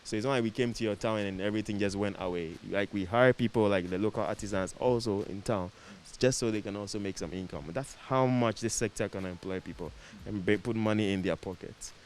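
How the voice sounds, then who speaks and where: A man with a Ghanaian accent speaks in a somewhat low voice in a relaxed interview conversation. He often repeats phrases for emphasis, and a light hiss sits behind him. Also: a little fast, few pauses, rough recording. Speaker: interview guest, production set designer. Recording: clear background noise with hiss.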